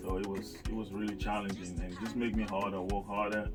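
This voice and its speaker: A man from Cameroon with a fairly low voice talks through his story in a loose, relaxed way. He sounds a bit away from the mic, and music plays steadily under him. It has the feel of a casual radio guest spot. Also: fast, distant mic. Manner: relaxed, rambling storytelling with fillers. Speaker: guest rapper. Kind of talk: casual interview chat.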